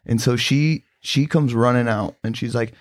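A man's voice: medium pitch, normal speed. A man telling rambling stories on a casual podcast, full of fillers and swearing. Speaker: podcast co-host. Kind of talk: casual storytelling chat.

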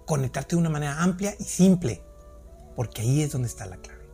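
A man's voice: on the high side, animated, fairly quick, creaky, mellow, soft background music. A man hosting a solo podcast, explaining ideas earnestly and asking rhetorical questions. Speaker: podcast host. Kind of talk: reflective solo podcast talk.

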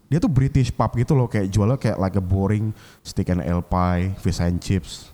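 A man in casual conversation, telling a lively story about his work as a chef and mixing English phrases into his speech. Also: low voice, moderate pace. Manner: animated, mixes English into speech. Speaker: chef guest.

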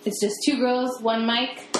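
A woman co-hosting a casual podcast, playful and quick to laugh. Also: on the high side, level tone, roomy sound, background noise. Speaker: podcast co-host.

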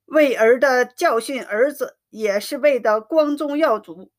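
A woman's voice: high-pitched, a little slow. Woman reading a humble, pleading middle-aged father. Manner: humble, placating.

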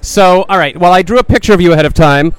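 A man from Canada hosts a casual outdoor red-carpet interview, his voice pitched high for a man and his words tumbling out quickly. He rambles, jokes and chats freely with his guest. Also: clean tone, rough recording. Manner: chatty, joking, rambling.

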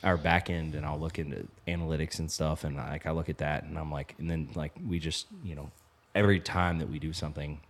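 A man's voice: rumbling low, fairly even intonation, brisk, few pauses. A man in his thirties telling a story as a podcast guest, rambling and loose with lots of filler. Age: 30s. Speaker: podcast guest, apparel business co-founder. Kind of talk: casual storytelling chat. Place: lodge.

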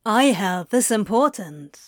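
A woman's voice: mid-range voice, lively intonation, slow pace, dry recording, clean studio sound. A woman voicing a flustered, guarded male demon who talks in a blunt, clipped, offhand way. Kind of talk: fan audiobook reading.

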